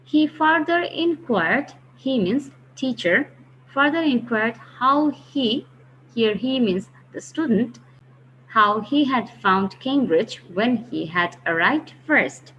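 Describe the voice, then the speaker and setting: A woman's voice: fairly high pitch, expressive, slow. A woman teaches a grammar lesson, patiently explaining and repeating key phrases. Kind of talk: recorded online grammar lesson. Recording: dull lo-fi recording with faint hiss.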